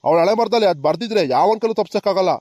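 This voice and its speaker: A man voicing a kind old village grandfather in a cartoon comedy, calmly reasoning with his family and comforting his granddaughter. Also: high voice, very fast, no room sound, highs cut off, close to an everyday voice. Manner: soothing, reasoning.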